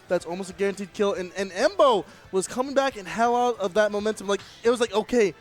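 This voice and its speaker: A man calling a fighting-game match live, energetic and jokey, with bursts of shouting at big plays. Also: sits high, fast talker, faint music behind. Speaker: esports commentator. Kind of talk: excited live play-by-play commentary.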